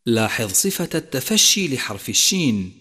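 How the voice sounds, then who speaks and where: A man's voice: medium pitch, very animated, sharp tone, slightly rough. Man teaching Quran recitation, hall reverb. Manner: slow drawn-out chanting of example words. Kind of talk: televised tajweed lesson.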